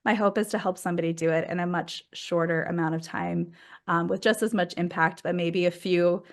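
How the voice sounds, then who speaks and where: A woman's voice: on the low side, fairly even intonation, a little fast. A woman in her thirties, a coach and podcast guest, chatting casually with frequent laughs and lots of "like". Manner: bubbly, laughs often, lots of "like". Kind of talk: casual conversational interview.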